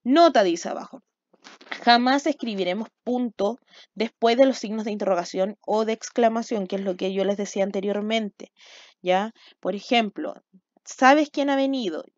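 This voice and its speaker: A woman's voice: mid-range voice, moderate pace, no echo. A woman teacher with a Chilean Spanish accent, giving a recorded lesson to young children, patient and often checking that they follow. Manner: patient, checks understanding with frequent "¿ya?". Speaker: primary school teacher. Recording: dull, dry lo-fi home recording.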